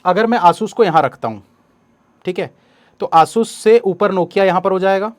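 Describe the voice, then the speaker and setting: A man, teaching an exam coaching lesson step by step and reading the questions slowly aloud. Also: high-pitched.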